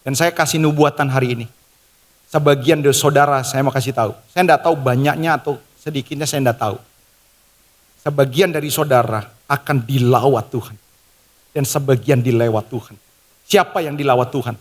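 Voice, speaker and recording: A medium-pitched man speaking a little fast serves as pastor, fervently and emphatically preaching to his congregation and addressing them directly. The setting is a large church hall, with worship music and long reverb mixed into the recording.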